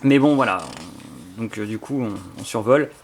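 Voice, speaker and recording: Presenting his book collection on YouTube, a French-accented man chats spontaneously as he unboxes and leafs through a book, full of enthusiasm, fillers, and restarts. He speaks in a mid-range voice at a moderate pace, and there's a little hiss or hum.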